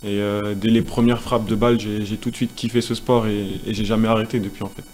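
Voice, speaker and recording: Relaxed young man answering in an interview. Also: fairly low pitch, brisk. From Senegal. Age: 20s. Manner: relaxed, casual, many fillers. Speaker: tennis player guest.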